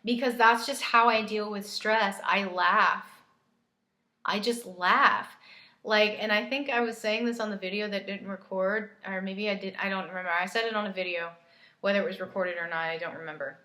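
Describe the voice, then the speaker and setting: A woman's voice: medium pitch, bright, forceful tone, reverberant. A woman giving a casual spiritual tarot reading, chatty and coaching, laughing easily as she talks. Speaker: tarot reader.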